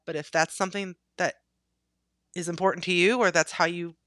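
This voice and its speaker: Woman podcast host, bright and sharp tone, dry close sound, candid and easygoing. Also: fairly low pitch, fairly quick, no echo. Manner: candid, laughs easily, animated. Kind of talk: casual podcast chat.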